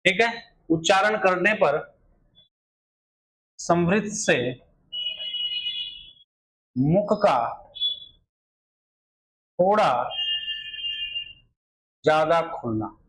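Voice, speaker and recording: A man's voice: sits high, expressive, very slow, long pauses, fairly bright tone, rough recording. A man teaching a Hindi grammar lesson for exam students, repeating filler phrases and asking rhetorical questions as he explains. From India.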